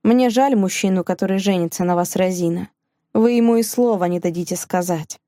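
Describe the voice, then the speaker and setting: A gruff, cynical gentleman speaks slowly, with a mocking weight to his words, as a woman reading the audiobook puts him on. The tone is mellow and dark rather than bright. The recording is close and dry. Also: medium pitch, no echo, close to an everyday voice. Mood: sardonic.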